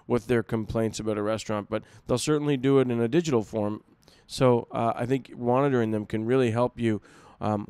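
A man presents a marketing webinar in a relaxed, unscripted way. His voice is smooth and resonant at an ordinary middle pitch. The sound is close and dry, with no room to it. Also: no echo. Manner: conversational, many fillers and restarts.

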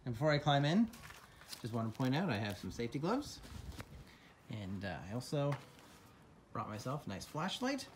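Holding his phone at arm's length, a thirtysomething vlogger gives a casual first-person tour, going from inside his home to the outdoors and an old barn. He talks in a halting, playfully theatrical way, his mid-range voice swinging widely in pitch over a slight hiss or hum.

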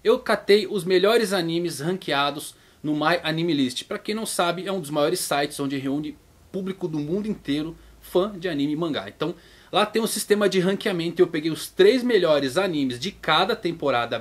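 A Brazilian man with a Brazilian Portuguese accent, hosting his manga vlog in a chatty, casual way and playing out viewers' questions in a higher voice. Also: normal speed, husky. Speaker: YouTube manga channel host.

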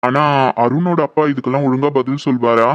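A man's voice: mid-range voice, a little fast, dry recording, close to an everyday voice. A man voicing a worried assistant police commissioner in a horror audio drama, talking earnestly and troubled. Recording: dull lo-fi, dry.

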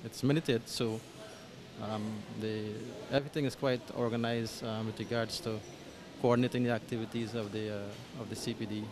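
Crowd noise surrounds this Guyanese man in his thirties as he answers questions in a small church hall, a handheld mic held out to him by the interviewer. A parish coordinator, he has a lowish voice with a steady tone and moderate pace, and he's hesitant, restarting often with many ums.

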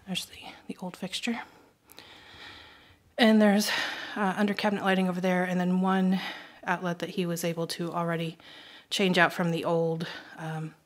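Holding her phone camera at arm's length, a chatty middle-aged homestead vlogger tours her kitchen mid-renovation indoors, explaining and pointing things out with plenty of ums. She speaks at a moderate pace in a lowish, level voice.

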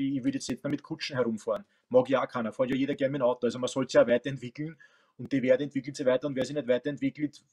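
Flat-voiced Austrian man on a video call. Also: mid-range voice, slightly rough. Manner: thoughtful, many fillers and restarts. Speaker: football coach and teacher. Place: home room with bookshelves. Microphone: webcam on video call.

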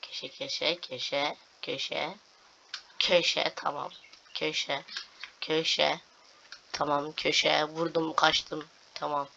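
Young man, gameplay commentary, slightly high voice, muffled lo-fi recording, clear background hiss. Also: flat delivery, drawn-out words, pauses often, sharp tone. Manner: talks to viewers, narrates each move, swears at glitches. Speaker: gaming video host. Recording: dull lo-fi home recording with clear noise.

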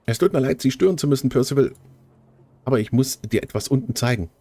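A man's voice: mid-range voice, expressive, fast talker, warm tone, dry recording. A man voicing an anxious woman in a game who pleads with her husband. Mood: urgent.

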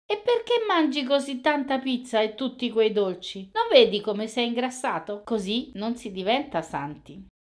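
A concerned mother, high voice. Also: very animated, normal speed, few pauses. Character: loving but concerned mother. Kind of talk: Italian film dubbing.

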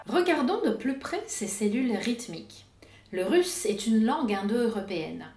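A woman narrating an educational video as host, with a clear, didactic delivery. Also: a little high, big pitch swings, moderate pace, a little mellow, reverberant, soft background music. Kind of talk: scripted explanatory narration.

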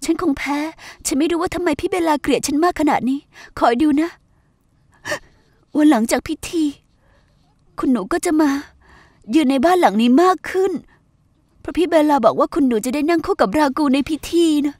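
A woman dubbing a high-voiced plotting housewife. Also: moderate pace, long pauses, a little mellow, no echo, clean studio sound, lightly acted. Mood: conspiring. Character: scheming young woman of a wealthy household. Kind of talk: Thai dub of a TV drama.

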